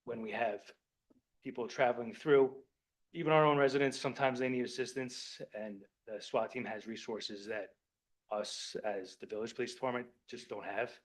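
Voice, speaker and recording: A man who is a police lieutenant, addressing a village board meeting, choked up and halting, apologizing and repeating words as he explains. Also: mid-range voice, fairly even intonation, low-quality recording. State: choked up with emotion. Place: municipal meeting room.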